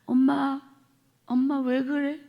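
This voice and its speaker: A woman's voice: high-pitched, little pitch movement, vocal fry, dull audio, exaggerated voice. Woman voicing a scared little girl begging. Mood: pleading. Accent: Gyeongsang Korean. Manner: pleading, slow and drawn-out cries. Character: frightened ten-year-old girl begging her mother.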